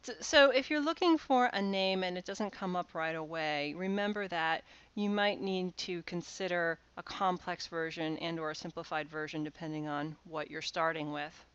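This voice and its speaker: Woman lecturing over slides, smooth low voice. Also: moderate pace, hardly any pauses, fairly bright tone, dull audio. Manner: explanatory, with frequent "uh" and restarts. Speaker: university lecturer. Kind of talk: recorded course lecture.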